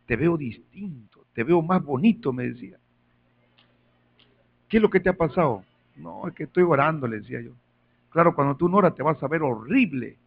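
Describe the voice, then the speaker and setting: A man preaching a sermon, telling stories in quiet asides and rising to loud calls for praise. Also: a little high, expressive, normal speed, long pauses, narrow, tinny audio. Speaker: pastor.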